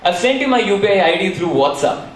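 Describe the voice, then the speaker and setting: A man's voice: sits high, expressive, a little fast, voice pushed down. A man playing a coaxing teenage son. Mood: casual coaxing. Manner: casual, coaxing. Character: carefree teenage son asking dad for money. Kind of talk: school stage play. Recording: echoey hall from far off, faint noise.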